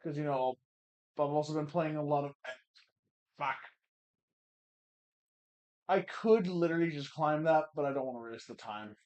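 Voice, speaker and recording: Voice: medium pitch, moderate pace, long pauses, darkish tone. A gaming streamer giving casual let's play commentary, swearing often, with sudden frustrated outbursts and chatty asides to the audience. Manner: laughs easily, chatty asides.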